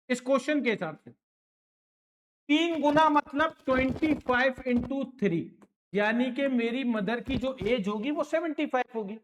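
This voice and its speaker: Male maths tutor, slow and deliberate, patient and encouraging, repeats every step and slips English terms into his explanations. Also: very high-pitched. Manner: encouraging, repeats points, calls students "my children". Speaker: maths teacher. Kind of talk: online classroom lesson.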